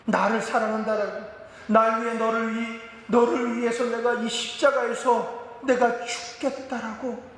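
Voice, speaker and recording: A man preaching a sermon as pastor, acting out prayers and quotes with sudden drops and rises in loudness. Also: very high-pitched, little pitch movement, a little slow. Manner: dramatic, acts out prayers and quotes with big swings in loudness. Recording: echoey hall with long reverb.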